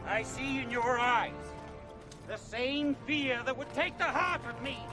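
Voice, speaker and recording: An actor playing a noble warrior king, booming and commanding as he gives a rousing battlefield speech in a fantasy film. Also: a little slow. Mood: solemn defiance. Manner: booming, commanding, regal, declamatory. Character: noble warrior king rallying his army before battle. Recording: film clip under loud orchestral music.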